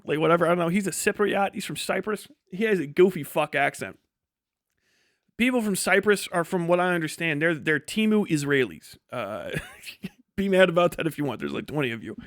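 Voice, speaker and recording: A man on a livestream delivers casual commentary that's blunt, scornful and heavy on swearing, rambling haltingly through false starts and tangents. His voice sits high, and the sound is studio quality with no echo.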